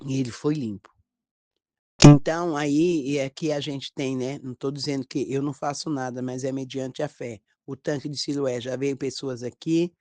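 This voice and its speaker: A woman pastor with a Brazilian accent, telling a testimony in a sermon, with lively storytelling and acted quotes. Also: sits low, dry recording. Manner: storytelling, animated quoted dialogue.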